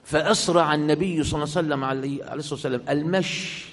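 A man with an Egyptian accent preaching a sermon, swinging between loud bursts and quiet asides. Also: a little high, fairly even intonation, rapid-fire, in a large hall. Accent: Egyptian Arabic.

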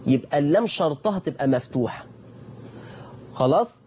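A man with an Egyptian Arabic accent leads a Quran recitation lesson. He keeps asking his class questions and answering them himself, and he repeats each rule. His voice is mellow and dark, and the recording is dull with a faint hiss. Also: on the high side, animated, a little fast. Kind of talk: tajweed lesson.

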